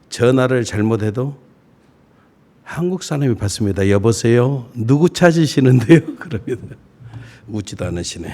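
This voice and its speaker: A middle-aged man preaching a sermon as a pastor, folksy and self-deprecating, with slow deliberate phrasing that rises on key words. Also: lowish voice, darkish tone. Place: church sanctuary.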